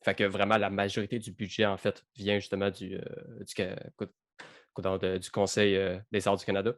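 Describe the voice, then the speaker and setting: A man's voice: low-pitched, level tone, normal speed, no echo, studio quality. A man with a Québécois French accent hosting a casual game review podcast, often repeating words as he starts sentences. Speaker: podcast host.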